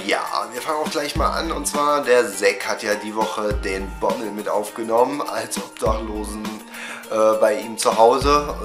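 Speaking from a small, echoey room at home, a medium-pitched man in his twenties casually goes over his week for fans via webcam. A cold makes his voice sound off. He rambles chattily with plenty of fillers, looking right into the camera.

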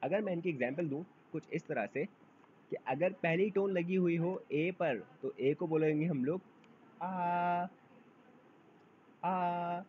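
A man teaching a beginner language lesson, drawing out model sounds and asking learners to repeat after him. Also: on the high side. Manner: drawn-out model sounds for drills. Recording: dull lo-fi recording, faint noise.

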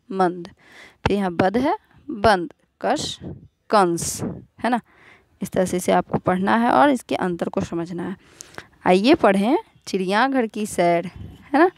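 A woman teacher giving a recorded lesson to young children. She asks questions, answers them herself and repeats each word slowly. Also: medium pitch, a little mellow. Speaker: school teacher.

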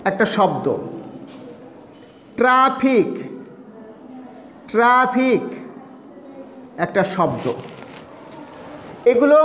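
Male teacher, unhurried, spells words letter by letter; long reverb and faint hiss behind. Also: extremely high pitch. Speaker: English grammar teacher. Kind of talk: classroom grammar lesson. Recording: echoey room with faint noise.

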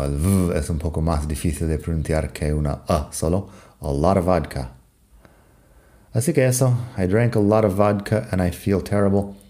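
Slow, deep-voiced male English teacher. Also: warm tone. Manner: patient, explanatory, reads example sentences aloud then translates. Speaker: English teacher and podcast host. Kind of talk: podcast language lesson.

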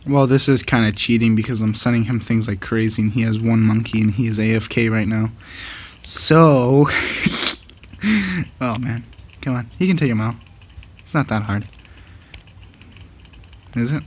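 A man giving casual, excitable commentary while playing a game with a friend, laughing and trash-talking his opponent. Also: mid-range voice, normal speed, husky. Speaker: gaming channel host.

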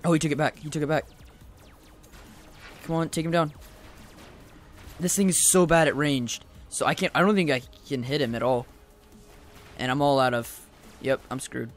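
A young man giving casual, rambling let's-play commentary, excitable and full of goofy asides. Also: a little high, moderate pace, long pauses, soft background music. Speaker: gaming video host.

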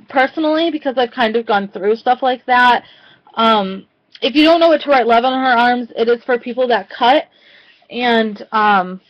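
A woman's voice: fairly high pitch, lo-fi sound. A young woman casually reviewing movies for her video channel, talking in a chatty way with lots of "um" fillers and restarts.

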